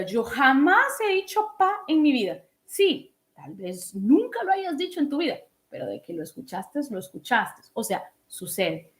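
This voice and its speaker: A woman in her thirties giving a casual online English lesson in a lively, chatty way, often asking her listeners questions. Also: a little high. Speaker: English teacher.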